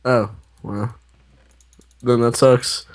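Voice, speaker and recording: A man's voice: mid-range voice, flat delivery, drawn-out words. A man co-hosting a casual gaming chat, playful and rambling, often trailing off mid-sentence. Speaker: co-host gaming guest.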